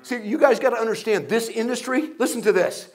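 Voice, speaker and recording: A man with a high-pitched voice delivers a motivational talk to an audience as an invited guest speaker. He tells humorous stories, throws rhetorical questions at the crowd and acts out other people's voices along the way. He sounds older and seasoned. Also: fairly quick, a little mellow. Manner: humorous storytelling with jokes and acted-out voices.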